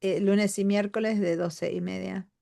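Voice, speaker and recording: A woman chatting casually as she explains class schedules, with fillers and pauses. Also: medium pitch, fairly even intonation, creaky, dark tone. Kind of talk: casual conversation.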